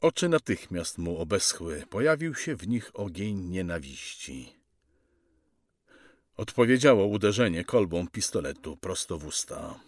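A man reading a war story aloud as narrator, in a grave and measured manner. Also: on the low side, dry recording, studio quality. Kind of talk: scripted audiobook narration.

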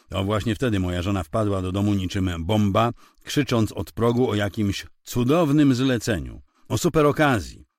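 A male narrator reads a first-person crime story with a low voice that moves freely up and down. The delivery is dramatic and expressive. The recording is close and dry, with no room sound. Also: no room sound. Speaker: audiobook narrator.

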